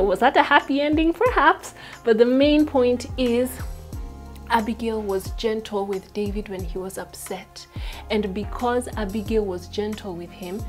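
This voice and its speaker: A woman Sunday school teacher telling a Bible story to children, animated, with asides to the kids. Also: a little high.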